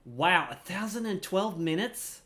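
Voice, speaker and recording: A man with a high, expressive, bright voice offers casual gameplay commentary at a measured pace. His tone is forceful as he explains things informally and thinks aloud while playing, like a streamer.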